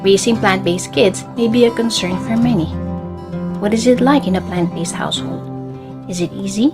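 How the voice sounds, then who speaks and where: A woman's voice: medium pitch, normal speed. Woman narrating over guitar. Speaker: segment narrator. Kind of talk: scripted narration. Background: guitar music.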